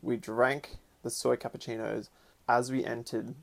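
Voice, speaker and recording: A man co-hosts a relaxed podcast chat, spinning long anecdotes with plenty of "like" and "you know". His voice sits at a middle pitch with a gravelly, fried edge. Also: measured pace. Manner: storytelling, animated, many fillers. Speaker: podcast co-host. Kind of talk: casual chat.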